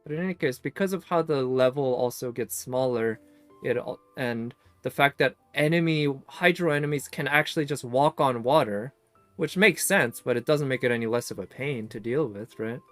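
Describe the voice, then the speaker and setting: A man's voice: mid-range voice, normal speed, fairly bright tone, soft background music. Man musing through gameplay commentary. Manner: musing, analytical. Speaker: streamer.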